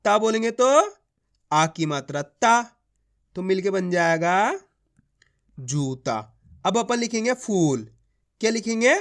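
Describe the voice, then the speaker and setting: A man teaching a beginners' spelling lesson, drawing out each word and asking and answering his own questions. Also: high-pitched. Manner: drawn-out words, repeats each word to the learner; addresses viewers as friends, asks and answers his own questions. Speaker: Hindi teacher.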